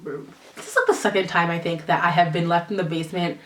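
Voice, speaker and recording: A woman's voice: on the low side, fast. Slangy young woman, roomy distant sound. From Canada. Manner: animated, slangy, acts out dialogue. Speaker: vlogger. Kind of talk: casual storytime.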